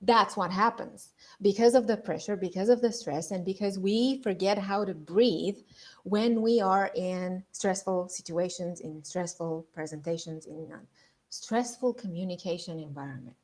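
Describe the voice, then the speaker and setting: A woman's voice: lowish voice, moderate pace. A woman giving an instructional lesson as a voice and public-speaking coach, explaining with emphasis on key words.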